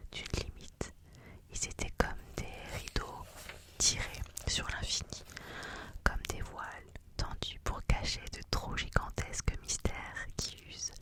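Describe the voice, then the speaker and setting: The voice is a soft, breath-only whisper with no spoken tone in it. It reads literary prose as an ASMR narration, keeping to a hushed library whisper from phrase to phrase. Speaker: reader.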